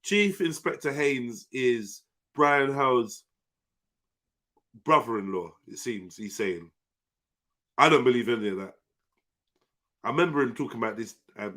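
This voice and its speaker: Bright-voiced south London man. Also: mid-range voice, unhurried, pauses often. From Peckham, south London. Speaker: live panel show host. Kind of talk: casual banter on a live online panel.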